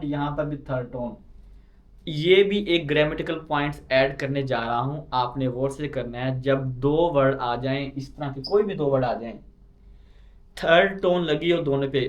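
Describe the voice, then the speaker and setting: Slow, patient male teacher. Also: fairly high pitch, highs cut off. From Pakistan. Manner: repeats key points and asks himself questions. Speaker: language teacher. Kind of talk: slow explanatory lesson.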